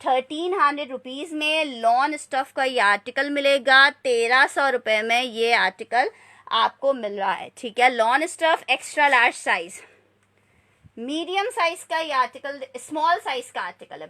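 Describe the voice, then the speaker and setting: A woman's voice: sits high, expressive, normal speed, bright, forceful tone. A woman presenting a live online sale and chatting casually with viewers in repetitive selling patter. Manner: repetitive selling patter, repeating prices and sizes. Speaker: live online clothing seller.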